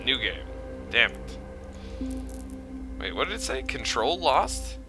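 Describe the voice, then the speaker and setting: Casting: male horror game streamer, scared and uneasy, unhurried casual commentary over loud-ish game music. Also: mid-range voice, sing-song. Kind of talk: casual let's play commentary. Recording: music behind the voice.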